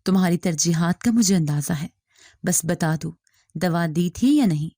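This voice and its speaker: A woman's voice: on the low side, animated, mellow, no echo. A woman voicing a stern, worried husband who questions and scolds in a dry, close recording. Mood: angry. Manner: reproachful, questioning. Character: stern worried husband, middle-aged man.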